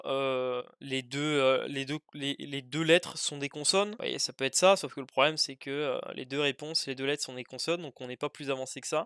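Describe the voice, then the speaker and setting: A man's voice: medium pitch, fairly bright tone, clean tone, no echo, clean studio sound. A young man tutoring test prep, working through puzzles aloud in a casual, hesitant way with many fillers. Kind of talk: informal worked-example lesson.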